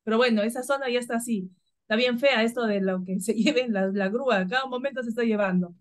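A woman's voice: a little high, fast. Peruvian woman chatting about gratitude. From Peru. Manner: warm, spontaneous storytelling with frequent laughs. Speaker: spiritual guide guest. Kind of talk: casual spiritual chat.

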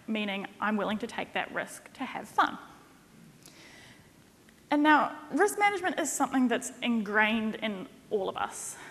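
Jokey New woman giving a keynote. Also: medium pitch. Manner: conversational and jokey, lively emphasis. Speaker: keynote speaker, consultant. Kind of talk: conference keynote talk. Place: conference stage in a large hall. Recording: reverberant hall sound.

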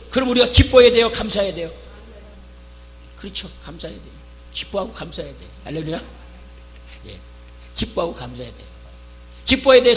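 A middle-aged male pastor preaching a revival sermon, fervent, calling out for amens and shouting his key lines. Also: high voice. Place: church hall. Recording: reverberant church hall with faint hum.

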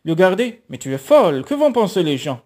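Un homme qui lit un roman à voix haute et prête sa voix à une mère autoritaire et méprisante. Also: male voice, fairly high pitch, expressive, normal speed, mellow, lightly acted. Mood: indignée.

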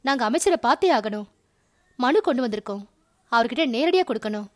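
A defiant male protest leader insists he will not budge, voiced by a woman in her own high register. He speaks firmly and loudly. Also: animated, brisk. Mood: insistent.

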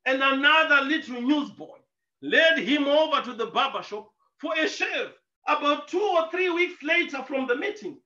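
A man preacher telling a story in a sermon, emphatic, with rhetorical questions and bursts of shouting. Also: very high voice, expressive, normal speed, recorded from a distance. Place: church hall. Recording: echoey dull lo-fi church recording.

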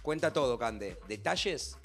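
A man with an Argentine accent co-hosting a studio talk show, joking and telling animated stories. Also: mid-range voice, measured pace, soft background music. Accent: Argentine Spanish. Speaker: co-host. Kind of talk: casual studio chat. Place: radio-TV studio.

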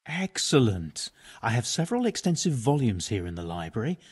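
A man's voice: medium pitch, very animated, moderate pace, a little mellow, husky. A male actor playing a learned medieval monk in a video game, speaking in a bookish, precise, dry manner. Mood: studious. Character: learned, matter-of-fact medieval monk physician. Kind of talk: video game dialogue acting.

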